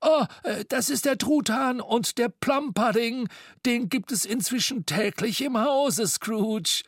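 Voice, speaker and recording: A man voicing a skinny, croaky old Scrooge in a storybook reading, talking in a high, shrill and animated way. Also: takes it slowly, dry recording, studio quality, heavily acted. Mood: cheery. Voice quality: croaking, rasping.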